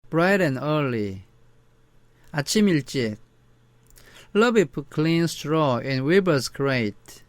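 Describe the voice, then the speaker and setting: A man with a Korean accent teaching English, reading a novel aloud very slowly and then translating each line. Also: a little high, no echo.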